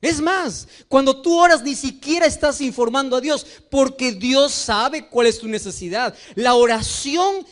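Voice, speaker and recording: A man preaching a sermon as pastor, animated, acting out the voices in his stories. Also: very high-pitched, measured pace, hardly any pauses. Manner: animated preaching, acts out dialogues in story.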